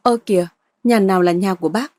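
A woman voicing a bold, sharp-tongued young woman who trades scornful retorts. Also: mid-range voice, quick pace, no echo, close to an everyday voice.

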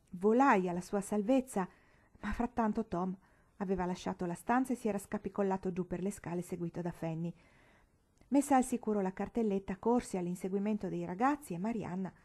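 A woman reads a classic novel aloud in a measured, expressive way. Her voice is mellow and soft-edged, sitting at an ordinary middle pitch. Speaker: audiobook reader. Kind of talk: literary audiobook narration.

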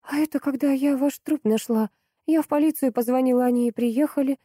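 A woman reading an audiobook, voicing a flustered, tipsy housekeeper who babbles in a shrill voice. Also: brisk, mellow, dry recording, studio quality. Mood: fawning.

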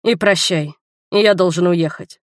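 A woman voicing a grave, tender young male swordsman who speaks quietly and slowly. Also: on the low side, no echo, studio quality, lightly acted.

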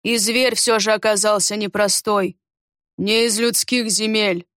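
A woman voicing a calm, grave male guard who speaks in a measured, thoughtful way. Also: mid-range voice, no room sound, studio quality, close to an everyday voice.

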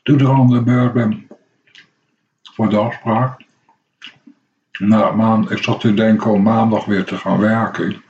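Middle-aged guy rambling on local radio, lowish voice, lots of ehs and restarts, dull lo-fi sound. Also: flat delivery, unhurried, long pauses, a little mellow, a little hiss or hum. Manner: rambling storyteller, many hesitations and restarts. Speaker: radio host. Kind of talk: casual anecdotal radio chat.

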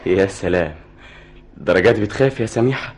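A man's voice: sits low, lively intonation, darkish tone, husky, full character voice. A jumpy, evasive Egyptian young man. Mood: tense, evasive. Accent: Egyptian Arabic. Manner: halting, snapping. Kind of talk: radio drama acting.

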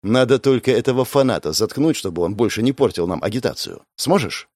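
A man's voice: mid-range voice, expressive, a little fast, darkish tone, no room sound. A man reading as a weary ship captain. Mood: practical. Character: weary young male ship captain, practical.

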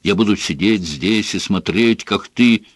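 A man voicing a furious, bullying middle-aged father in an audiobook, shouting and scornful. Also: fairly low pitch, measured pace, dry recording, studio quality. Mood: enraged. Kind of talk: audiobook character voice.

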